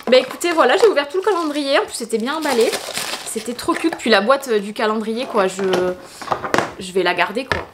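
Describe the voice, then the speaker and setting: A young woman chats her way through an unboxing, bubbly and full of little exclamations and fillers. Her voice sits a little high, and a faint noise runs under the recording. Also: animated, fairly quick. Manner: chatty and enthusiastic, many fillers and little exclamations. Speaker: beauty vlogger. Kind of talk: casual unboxing chat.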